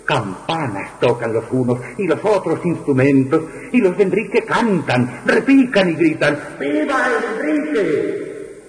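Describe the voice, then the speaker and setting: Slow dramatic man reciting verse, echoey hall. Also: sing-song. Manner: declamatory, with sweeping pitch for chanted refrains. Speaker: poetry reciter. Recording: echoey hall with long reverb.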